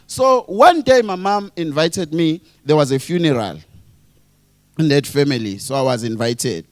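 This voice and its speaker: A South African man doing an animated stand-up comedy set, acting out scenes. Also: high-pitched, dry recording. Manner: animated, chants and acts out scenes.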